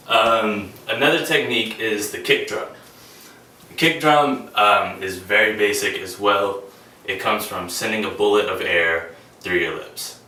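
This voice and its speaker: A man's voice: fairly low pitch, bright, forceful tone. A young man giving a casual instructional talk, with frequent ums and restarts. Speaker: speaker giving a class talk on beatboxing. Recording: echoey room, mic at a distance, faint hiss.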